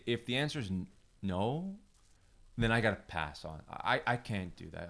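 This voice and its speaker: A man's voice: lowish voice, a bit bright. A man who is a filmmaker, a guest on a podcast, speaking thoughtfully and stammering a little as he works out his ideas. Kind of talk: casual interview conversation.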